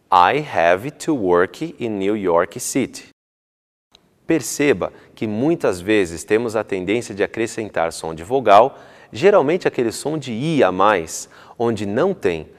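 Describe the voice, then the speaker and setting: Brief Male teacher, low voice, unhurried, stretches the example words; reverberant room. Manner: slow, deliberate, stretching example words to show pronunciation. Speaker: English teacher. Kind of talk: scripted TV lesson.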